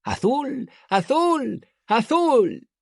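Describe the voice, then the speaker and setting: A man's voice: very high-pitched, drawn-out words, gravelly, dry recording, studio quality, pitched above the performer's own voice, full character voice. A man doing Elodin, a wild eccentric master. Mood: ecstatic. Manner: excited, shouting, laughing. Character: eccentric male university master, childlike, wild.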